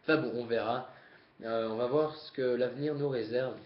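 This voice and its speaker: A man's voice: mid-range voice, fairly even intonation. Nervous young man, roomy dull sound. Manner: nervous, rushed, with many fillers and self-corrections. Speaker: gaming YouTuber. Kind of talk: face-cam vlog talk. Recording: dull roomy home recording.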